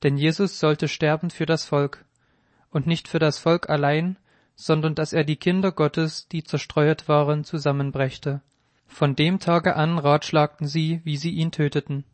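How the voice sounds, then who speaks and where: A man reads scripture aloud in a solemn, measured way. His voice sits a little high for a man and stays flat and even throughout. The recording is close and dry. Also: dry recording. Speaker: narrator. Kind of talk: scripted Bible reading.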